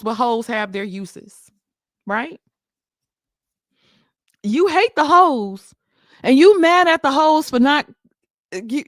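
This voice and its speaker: A woman's voice: sits high, no echo, studio quality. A woman, hosting a casual commentary stream, sassy and laughing, firing off emphatic rhetorical questions.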